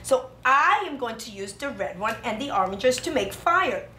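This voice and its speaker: A preschool teacher guides small children through a craft, her high voice swinging up and down in a sing-song way. She's exclamatory and instructional, pushed and bright at a moderate pace. The classroom is roomy and echoey, with faint background noise.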